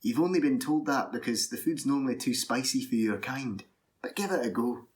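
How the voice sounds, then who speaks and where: A man's voice: mid-range voice, lively intonation, a little fast, darkish tone, natural voice. A man voicing a kindly fairy guest. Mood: reassuring. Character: friendly fairy dinner companion, reassuring.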